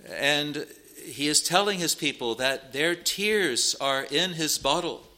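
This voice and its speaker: A man preaching a sermon in an earnest, measured way, with some restarts and quoted scripture. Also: fairly high pitch, lively intonation, sharp tone.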